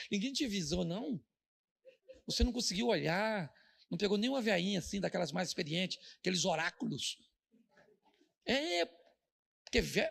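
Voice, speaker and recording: A middle-aged Brazilian pastor preaches with a joking, storytelling delivery and slips into the voices of the people he describes. His voice sits high and is heavily gravelly, full of fry. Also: fairly bright tone. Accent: Brazilian Portuguese. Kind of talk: humorous sermon.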